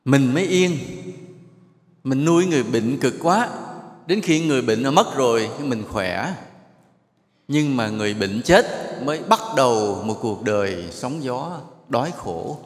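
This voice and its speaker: A male monk delivers a sermon before a live audience, telling stories and drawing the crowd in with questions and gentle jokes. His voice sits at an ordinary middle pitch. The sound is roomy, with a long reverb trailing off through a large hall. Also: lively intonation, unhurried. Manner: storytelling, asks the audience questions and jokes with them. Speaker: monk giving a dharma talk.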